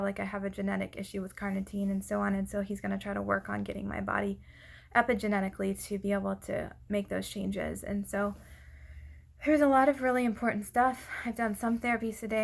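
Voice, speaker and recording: A woman speaking out of breath in a casual, unscripted personal update, haltingly and often losing her thread. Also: mid-range voice, flat delivery, gravelly. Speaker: vlogger giving a personal update.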